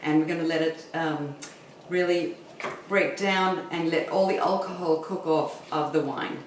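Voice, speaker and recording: A middle-aged woman from Zimbabwe hosts a home cooking segment, casually explaining each step of a recipe as she cooks. Her voice is low and instructive. The distant mic picks her up in a very echoey kitchen with faint noise.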